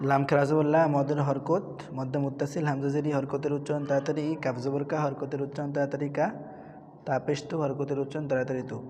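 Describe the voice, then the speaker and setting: A man teaching Quran reading, patiently spelling out letters and chanting the words in a raised, drawn-out voice. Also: medium pitch, flat delivery, warm tone. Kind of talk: spelling out and drilling Quran recitation. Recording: reverberant room with faint background noise.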